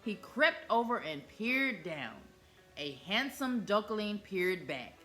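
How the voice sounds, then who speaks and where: Reading a children's picture book aloud, a woman storyteller sounds expressive and animated, her bright voice swinging widely in pitch at a slow pace. Soft music plays faintly underneath.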